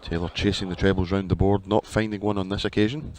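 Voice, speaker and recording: A man's voice: deep voice, flat delivery, fast, a little mellow. A man giving live darts commentary into a headset, chatty and wry between the action. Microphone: headset at commentary position.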